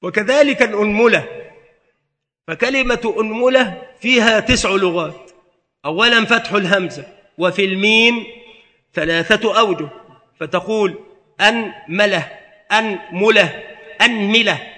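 A man's voice: high-pitched, moderate pace, long pauses, bright, forceful tone, in a large hall. A man giving a methodical classroom lesson on a religious text, spelling out word variants one by one. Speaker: religious teacher.

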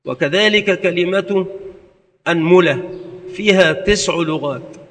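Methodical male teacher, slightly high voice. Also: a little slow, a bit bright. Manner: methodical, lists word forms one by one. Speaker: religious teacher. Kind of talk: scholarly lesson on hadith and grammar. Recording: long reverberant echo.

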